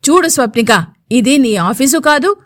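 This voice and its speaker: Rich: A domineering middle-aged mother, as a woman reads her lines, scolding in a raised, fairly high voice with a hissing edge. The recording is close and dry. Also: moderate pace, no room sound, close to an everyday voice. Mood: furious.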